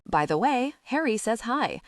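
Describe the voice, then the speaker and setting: Woman narrator doing a quiet, reserved man for an audiobook; keep it understated and dry. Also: on the high side, big pitch swings, unhurried, no room sound, voice pushed up. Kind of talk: audiobook character reading.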